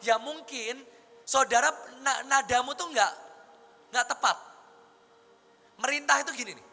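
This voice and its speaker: A male pastor teaching a church audience in a lively, conversational preaching style, full of rhetorical questions. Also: extremely high pitch, measured pace. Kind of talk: sermon teaching. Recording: long hall reverb with faint music.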